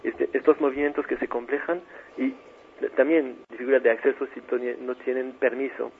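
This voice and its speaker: A man being interviewed as an aid mission administrator, speaking haltingly with many fillers and restarts. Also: medium pitch, steady tone, vocal fry. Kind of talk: phone interview. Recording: tinny phone line with faint hiss.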